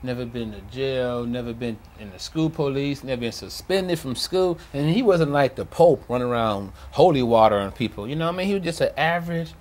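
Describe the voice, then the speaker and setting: A man's voice: mid-range voice, a little fast, hardly any pauses. A middle-aged man interviewed as a grieving father, talking emphatically and acting out moments as he tells them. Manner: animated, emphatic, acts out past moments. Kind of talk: emotional interview recollection.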